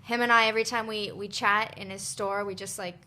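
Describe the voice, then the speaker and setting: A woman's voice: mid-range voice, steady tone, a little fast, sharp tone, slight background noise. A young adult woman hosting a wellness podcast in a bubbly, chatty way, full of "like" and easy laughter. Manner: bubbly, laughs often, says "like" a lot. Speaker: podcast host. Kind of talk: casual podcast chat.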